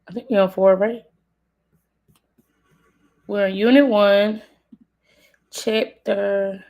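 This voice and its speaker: A woman learning Spanish on a casual livestream, muttering to herself and repeating drills haltingly. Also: mid-range voice. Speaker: live streamer learning Spanish. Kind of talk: casual live self-study, repeating drills.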